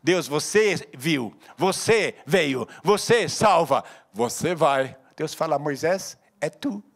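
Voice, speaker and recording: High-voiced, animated preacher man. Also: slow pace, creaky. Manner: animated preaching, acting out dialogue with sudden loud and soft turns. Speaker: pastor. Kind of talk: sermon.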